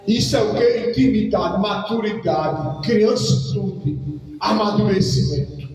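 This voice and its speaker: A pastor preaching a lively sermon to his congregation, swinging between loud calls and quiet asides. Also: sits high. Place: church hall. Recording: echoey hall, distant mic, faint music.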